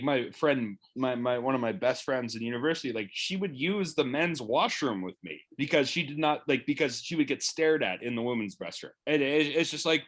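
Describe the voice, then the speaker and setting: Guy in his late 20s, blunt and sweary, casual podcast chat, lively. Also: mid-range voice. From Canada. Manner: blunt, swears freely, animated. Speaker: podcast guest.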